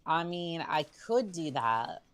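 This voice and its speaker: A woman's voice: low-pitched, big pitch swings, takes it slowly, clear, resonant tone. A woman livestreaming a video game, chatting casually with playful teasing and hesitant musing aloud. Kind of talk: casual chat over gameplay with in-character asides.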